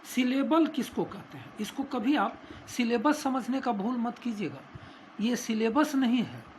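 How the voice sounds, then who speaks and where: Male Indian English tutor, slow deliberate lesson delivery, hesitant, faint background hiss. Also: extremely high pitch, expressive. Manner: slow, hesitant, explanatory, frequent filler pauses. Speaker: English teacher. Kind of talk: classroom grammar lesson, Hindi mixed with English.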